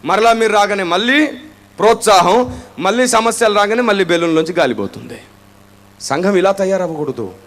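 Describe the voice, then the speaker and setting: A man's voice: sits high, expressive, normal speed, fairly bright tone. A man with a Telugu accent preaching a sermon, firing rhetorical questions at the congregation and acting out their prayers in dramatic voices.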